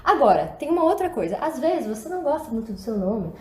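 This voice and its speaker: A woman's voice: high-pitched, very animated, fast. A woman with a Brazilian Portuguese accent teaching an English lesson in a chatty, upbeat way, full of rhetorical questions. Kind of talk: casual video lesson. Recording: echoey room, faint background noise.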